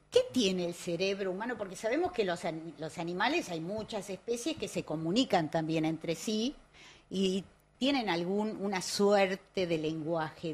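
A woman interviewing, asking measured, thoughtful questions. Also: lowish voice, a little hiss or hum.

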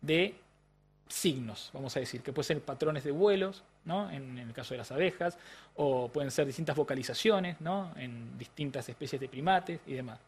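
A man's voice: a little high, normal speed, slightly rough. A man with a Rioplatense Spanish accent, explaining science in a didactic interview style with frequent tag questions. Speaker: neuroscientist guest.

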